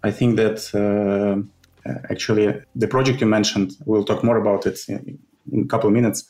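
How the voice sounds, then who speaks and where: A man answering podcast interview questions, pausing often with fillers and restarts. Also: on the low side, level tone, warm tone. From Ukraine. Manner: halting, many fillers and restarts. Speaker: program director.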